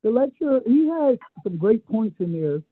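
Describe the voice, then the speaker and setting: A man's voice: extremely high pitch, sing-song, unhurried, no room sound. A man calling in over a muffled phone without headphones, talking hesitantly and searching for his words. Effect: muffled phone audio with little clarity. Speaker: caller. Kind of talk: call-in discussion.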